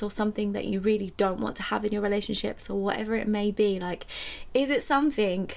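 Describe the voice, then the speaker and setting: Young woman with a creaky voice. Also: medium pitch. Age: young adult. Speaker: YouTuber and independent musician. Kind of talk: casual chat to camera. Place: small furnished room at home, indoors.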